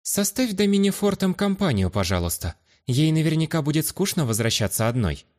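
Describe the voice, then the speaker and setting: A man's voice: a little high, big pitch swings, brisk, voice pushed up. A male audiobook narrator voicing a young boy noble who speaks with polite, cheerful gallantry in a raised voice. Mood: courteous. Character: courteous boy noble hiding an ancient soul.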